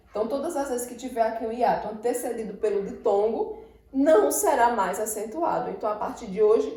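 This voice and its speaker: A woman's voice: a little high, mellow. Didactic Brazilian woman teacher, echoey room. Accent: Brazilian Portuguese. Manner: didactic, repeats words slowly syllable by syllable. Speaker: Portuguese teacher. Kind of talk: exam-prep grammar lesson.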